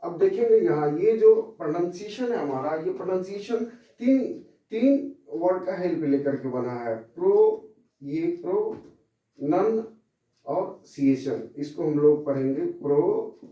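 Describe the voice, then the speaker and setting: Male teacher, slow and repetitive, mellow voice, recorded far from the mic in a boomy classroom. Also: lively intonation, highs cut off. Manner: slow, repetitive explaining, pointing at a board. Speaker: English teacher. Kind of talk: classroom lesson. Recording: very echoey room, mic far off.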